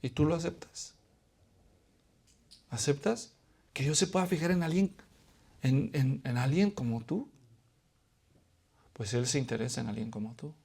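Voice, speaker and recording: A man from Latin America preaching a sermon who asks his listeners questions and answers them, moving between hushed pleading and loud emphasis. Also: medium pitch, lively intonation, measured pace, vocal fry, long pauses, husky.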